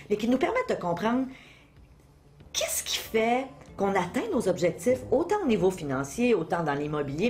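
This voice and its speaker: A woman's voice: fairly low pitch, darkish tone. A middle-aged woman with a Quebec French accent, explaining self-help ideas conversationally as an interview guest, teaching through questions and examples. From Quebec, Canada. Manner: didactic, addresses listeners with questions and examples. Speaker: interview guest, motivational speaker and author.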